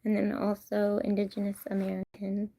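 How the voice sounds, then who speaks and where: A young woman from California chatting casually with her livestream viewers, soft-spoken and often slipping into whispers. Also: mid-range voice, monotone, normal speed. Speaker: livestream host.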